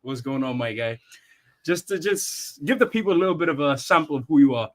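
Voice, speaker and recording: A man's voice: a little high, expressive, brisk. Laid-back man hosting an interview. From Eritrea. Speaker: host. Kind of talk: casual interview.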